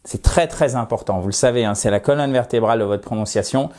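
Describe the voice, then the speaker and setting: A French-speaking man teaching English phrases to the camera, lively and emphatic. He switches between quick explanations and slow, stressed English examples. His voice sits at an ordinary middle pitch.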